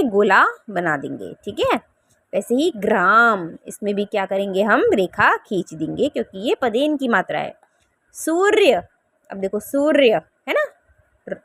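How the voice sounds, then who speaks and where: A woman's voice: a little high, dry recording, studio quality. A woman teaching a grammar lesson to children, sounding out words syllable by syllable and often checking whether they understand. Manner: coaxing, checks understanding with repeated questions.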